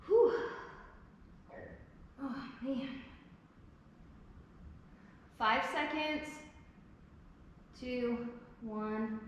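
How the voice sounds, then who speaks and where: A woman's voice: fairly high pitch, measured pace, pushed and bright, a little hiss or hum. A woman fitness instructor, out of breath, coaching a workout class and explaining each exercise step by step. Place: indoor gym or recreation hall. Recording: very echoey gym with long reverb.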